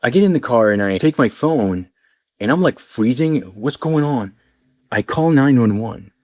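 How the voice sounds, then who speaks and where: A man's voice: normal speed, dry recording, clean studio sound. A young man with an Arabic accent, originally from an Arabic-speaking country, telling a personal story in a casual monologue and acting out the people in it. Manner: animated, acts out quoted people with rising pitch. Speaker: vlogger.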